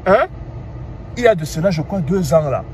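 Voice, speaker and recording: A Cameroonian man in his 30s, speaking as a commentator with a Cameroonian French accent, delivers a casual monologue beside a road. His voice is on the high side at a normal speed, and he's animated, posing rhetorical questions and repeatedly saying "hein." Street and traffic noise comes through clearly.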